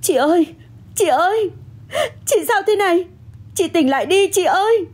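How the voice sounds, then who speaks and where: Woman playing a scared young girl in an audio story, high and teary, husky warm voice. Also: expressive, moderate pace. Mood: panicked, crying. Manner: high, tearful pleading. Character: young woman, frightened, then stubbornly honest.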